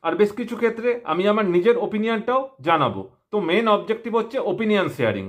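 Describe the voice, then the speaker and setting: A man's voice: high-pitched, lively intonation, rapid-fire, fairly bright tone. A man with a West Bengal Bengali accent introducing himself to viewers as a channel host, speaking through a face mask. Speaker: YouTube opinion channel host. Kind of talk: self-introduction talk to viewers.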